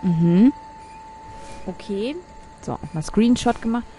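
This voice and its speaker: A woman narrating her gameplay in a relaxed, chatty way, reading on-screen text aloud and muttering asides as she goes. Her voice sits at an ordinary pitch, with faint game music in the background. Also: slow pace. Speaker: let's player. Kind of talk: casual gameplay commentary.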